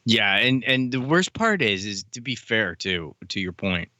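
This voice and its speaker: A man's voice: fairly low pitch, very animated, unhurried, pushed and bright, dry recording. A man co-hosting a podcast, chatting casually and enthusiastically as a fan, swearing now and then. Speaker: podcast co-host. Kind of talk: casual chat.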